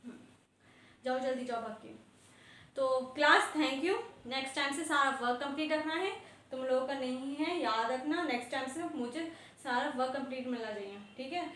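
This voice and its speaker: A woman's voice: high-pitched, moderate pace, a bit bright. A woman schoolteacher scolding her class in a stern tone, mixing in English words. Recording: echoey classroom, faint background noise.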